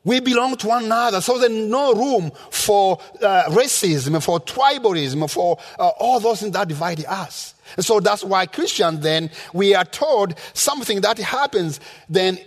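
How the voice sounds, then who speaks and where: A guest preacher from rural Rwanda, speaking with a Rwandan accent, delivers a sermon with personal testimony in a high voice with lively intonation. He goes a little slow with hardly any pauses, teaching emphatically and leaning on repetition, and the hall sound is reverberant.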